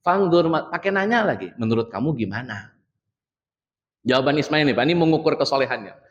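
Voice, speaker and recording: A man's voice: on the high side, fast, dull audio. Guy preaching in a mosque, chatty, acts out little dialogues, voice jumps all over, big hall echo. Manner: animated, addresses men as "Pak", acts out dialogues and laughs. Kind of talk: casual midday sermon.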